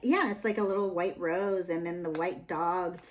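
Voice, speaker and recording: A young woman with a lowish voice talks through a tarot reading in a loose, chatty way. She rambles and circles back, leaning on fillers as she goes. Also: moderate pace, slight background noise. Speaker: tarot reader.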